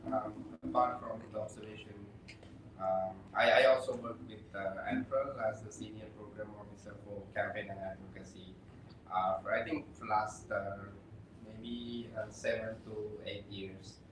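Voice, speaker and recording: A Sri Lankan man, a program officer serving as an election observer, speaks casually on a panel while seated at a shared table indoors with other guests. His lowish voice keeps a steady tone, but he's halting, with many pauses, fillers and restarts. The distant mic picks up an echoey room and background noise.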